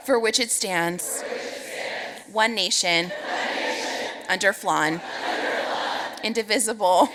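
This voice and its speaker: A woman on stage leading an audience in a joking pledge, speaking in a playful, deliberate way. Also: a little high, background noise. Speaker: podcast co-host.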